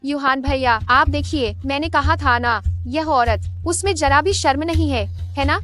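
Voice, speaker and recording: A woman's voice: sits high, a little slow, a bit bright, faint music behind. An actress playing a spoiled, jealous rich young woman in a dubbed drama, haughty and scheming.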